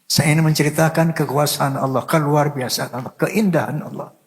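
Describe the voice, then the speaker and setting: An older man telling a personal story in an emotional, devout way. His pitch climbs when he is moved, and he murmurs prayers under his breath. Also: steady tone, fairly quick, in a large hall.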